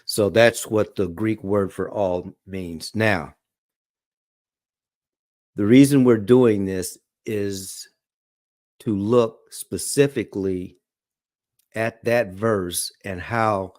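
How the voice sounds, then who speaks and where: In a clean, dry studio recording, a man with a lowish, slightly mellow voice teaches a Bible study. He reads the scripture aloud at a slow pace, pausing frequently to ask "okay?" or "all right?"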